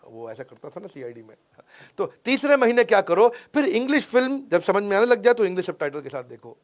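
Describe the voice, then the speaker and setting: A middle-aged man giving an energetic lecture in Hindi mixed with English phrases, emphatic and repeating his points. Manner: emphatic, repeats points, acts out film dialogues in a lowered voice. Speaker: motivational speaker teaching English learning tips.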